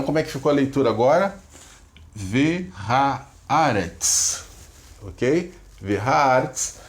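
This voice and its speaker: A man's voice: fairly low pitch, creaky, slight background noise. A middle-aged man, a pastor, giving a recorded Hebrew grammar lesson, explaining each step patiently and often checking in with short questions. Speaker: pastor teaching biblical Hebrew.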